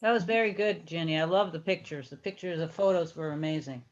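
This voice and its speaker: A woman's voice: deep voice, brisk, lo-fi sound. A woman moderating an online library talk, friendly, reading out audience questions. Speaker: event moderator.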